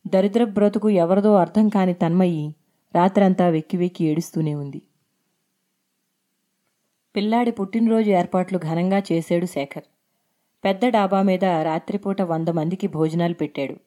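A woman reading a story aloud in a steady, expressive narrating voice. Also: lowish voice, moderate pace, pauses often.

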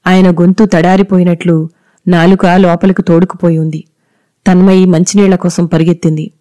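Mellow-voiced storybook narrator. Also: medium pitch, little pitch movement, normal speed. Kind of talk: scripted audiobook narration.

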